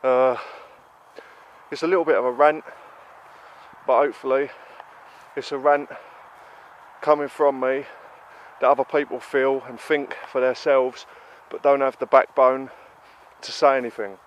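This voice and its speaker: A British vlogger, nose blocked by a cold, rants heatedly in a mid-range voice with flat delivery and a measured pace, pausing often. His emphatic monologue repeats rhetorical questions, and slight background noise can be heard.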